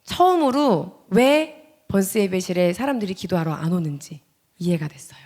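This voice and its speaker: A woman in her thirties gives a church testimony as a guest speaker. She tells her story with strong feeling and acts out her own past words. Her voice swings from loud, heated lines to hushed ones that drop close to a whisper. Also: fairly low pitch, expressive, normal speed. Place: church sanctuary.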